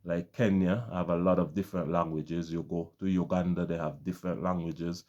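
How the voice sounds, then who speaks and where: A man speaks straight to his viewers in a very low, dark, mellow voice. He sounds earnest and keeps repeating himself, and he often calls his audience his friends. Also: fairly even intonation, normal speed, dull audio. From Caribbean. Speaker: vlogger. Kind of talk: casual talk to camera.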